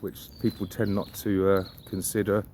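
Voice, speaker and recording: Walking suburban riverside streets, a vlogger with a deep, slightly mellow voice talks at a moderate pace in a level tone. His rambling walk-and-talk monologue is casual, musing, opinionated and mildly sweary, with outdoor noise and ambience around him.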